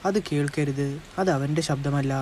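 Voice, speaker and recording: A man's voice: fairly high pitch, moderate pace, a little mellow, a little hiss or hum, natural voice. A man voicing a frightened ghostly mechanic who gives urgent warnings in a storybook horror tale.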